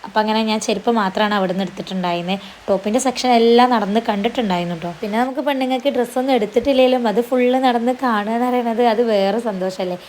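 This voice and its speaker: A woman's voice: on the high side, darkish tone, a little hiss or hum. A woman narrating her shopping vlog in a chatty voice-over, her voice a little strained. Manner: chatty, sprinkles tag particles, talks fast. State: voice strained after losing it. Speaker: vlogger.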